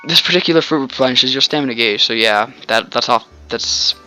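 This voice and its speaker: A man's voice: mid-range voice, fairly quick, pushed and bright, faint music behind, rough recording. A man from the American South giving rambling, joking commentary while playing a video game. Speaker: let's player. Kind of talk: casual gameplay commentary.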